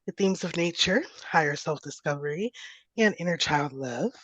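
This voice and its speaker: A woman's voice: sits low, lively intonation, moderate pace, a bit bright, dry recording, poor audio. A woman poet chatting as a podcast guest over a video call, laughing often as she talks. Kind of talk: casual interview chat.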